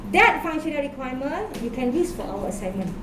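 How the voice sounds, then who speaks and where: A woman's voice: high-pitched, sing-song, a little fast. A woman lecturer with a Malaysian accent explains informally in colloquial, slangy Malaysian English, repeating her instructions. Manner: repetitive instructing with slangy particles like lah and ah. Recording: noisy echoey classroom, distant mic.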